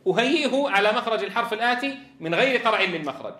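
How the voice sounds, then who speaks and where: A male Quran recitation teacher with a high voice lectures to a class. He asks his students questions and stretches sounds out slowly to demonstrate them. The room is echoey. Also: lively intonation, pushed and bright. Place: classroom with a board.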